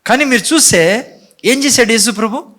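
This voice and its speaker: High-voiced animated preacher man. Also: moderate pace. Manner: animated preaching, rhetorical questions, voices God and Cain in dialogue. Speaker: pastor. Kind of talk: sermon.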